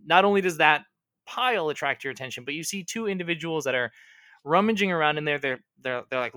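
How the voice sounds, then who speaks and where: A man's voice: mid-range voice, pushed and bright, clear, resonant tone, no room sound, clean studio sound. A man narrating as game master of a tabletop game, rambling along with fillers and self-corrections.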